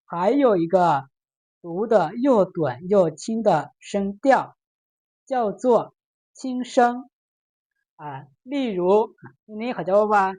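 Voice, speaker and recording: A woman with a Lao accent teaching a beginner Chinese lesson, saying each word twice and explaining its meaning. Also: fairly low pitch. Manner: slow, repeats each word, reads Chinese aloud brighter and louder. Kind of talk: language lesson.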